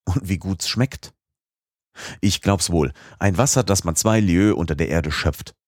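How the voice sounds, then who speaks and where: A man voicing an excitable older professor with a brisk, lecturing manner in an audiobook. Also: low-pitched, no room sound, clean studio sound. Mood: eager. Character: excitable older male professor, eager and commanding. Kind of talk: audiobook character voice.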